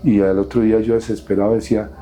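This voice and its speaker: A middle-aged man, recounting his past as an interview guest in a halting, emotional way with many restarts. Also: on the low side, level tone, dark tone, slight background noise. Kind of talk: personal testimony in an interview.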